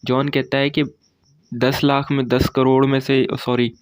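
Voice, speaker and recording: A man, teaching a play line by line. He reads each line slowly and then explains it. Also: mid-range voice, little pitch movement, dry recording. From Sindh, Pakistan. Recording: dry dull lo-fi mic.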